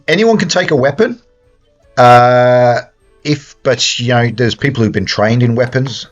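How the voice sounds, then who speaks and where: A man's voice: medium pitch, lo-fi sound. A man narrating a tabletop horror game as game master, hesitant and full of restarts and ums.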